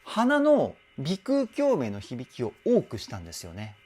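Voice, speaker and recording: Lively Japanese-speaking vocal coach man. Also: medium pitch, measured pace, husky. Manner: animated, enthusiastic explaining. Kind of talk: song reaction and vocal analysis. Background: faint music from the song being analyzed.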